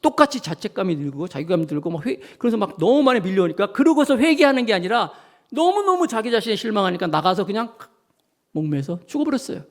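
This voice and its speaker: Give me a man preaching a sermon with a high, gravelly voice, telling the story vividly. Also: fast. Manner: animated storytelling, acts out voices and sounds; addresses congregation directly. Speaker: pastor.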